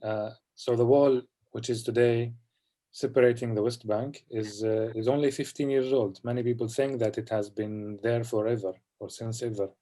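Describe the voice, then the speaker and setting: A man from Palestine with a warm, dark voice that sits at a middle pitch. He talks over a video call at a festival Q&A, reflective and halting, often adding "you know". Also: steady tone. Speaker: film director. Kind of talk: festival Q&A conversation.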